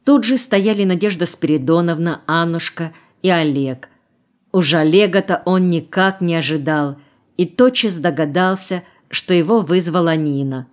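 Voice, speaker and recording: A woman narrating an audiobook in an even, unhurried storytelling way. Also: on the low side. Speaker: audiobook reader. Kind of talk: scripted narration.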